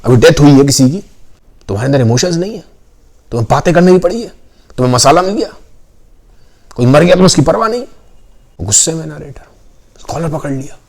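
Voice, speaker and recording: A man's voice: fairly high pitch, expressive, fairly quick, long pauses, darkish tone. A man, casually retelling a story and switching between Hindi and English. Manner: conversational, mixes Hindi with English phrases, acts out quoted lines.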